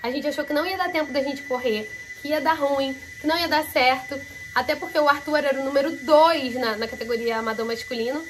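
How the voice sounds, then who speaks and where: A woman's voice: sits high, fast, a bit bright, slight background noise. A woman with a Brazilian accent from Rio de Janeiro state, chatting casually and expressively to her viewers in an improvised vlog. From Araruama, Rio de Janeiro state, Brazil. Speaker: vlogger, amateur competitive rider.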